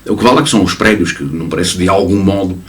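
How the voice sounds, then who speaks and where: A man commenting on football in a casual studio chat, animated and emphatic, often repeating and restarting words. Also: low-pitched, rapid-fire, a little hiss or hum. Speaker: sports commentator. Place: local TV studio.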